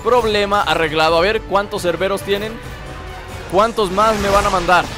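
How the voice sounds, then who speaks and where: A man's voice: high-pitched, steady tone, moderate pace, over music. A man with a Mexican accent giving playful, chatty gameplay commentary and teasing the enemies on screen. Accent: Mexican Spanish.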